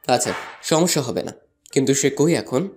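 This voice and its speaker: A young man narrates a first-person love story in an audio drama, also voicing a playful, teasing student as the lead actor. His natural, mid-range voice is animated and somewhat dark in tone, at a normal speed, with soft music in the background.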